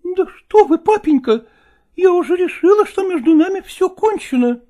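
A woman's voice: very high voice, lively intonation, moderate pace, dark tone. A woman playing a stubborn, tearful young wife arguing with her father in a dramatized reading, emotional and defiant.

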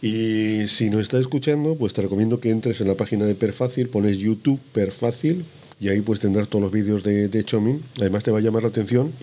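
A man's voice: fairly low pitch, mellow. A man hosting a radio interview, chatty and enthusiastic, dropping casual swear words. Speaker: radio host.

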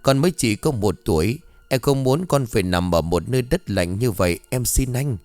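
A man's voice: mid-range voice, lively intonation, normal speed, darkish tone, no room sound, natural voice. A man voicing a young mother begging tearfully in a ghost story. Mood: desperate pleading. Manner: pleading, sobbing.

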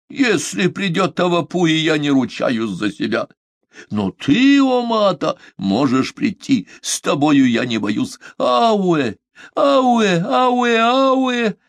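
A fierce, towering young island woman from a novel, pitched far above the reader's low voice, as a male narrator puts her on, crying out her indignation in slow, drawn-out bursts. Her pitch swings widely as she rages. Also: no room sound, studio quality, exaggerated voice. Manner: outraged shouting, slow emphatic cries.

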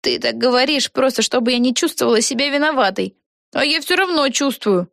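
A woman's voice: high-pitched, brisk, gravelly, fairly bright tone, dry recording, studio quality, pitched above the performer's own voice. A woman voicing a kind young girl witch who doubts herself, speaking modestly in a storybook reading. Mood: doubtful. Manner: modest, hesitant.

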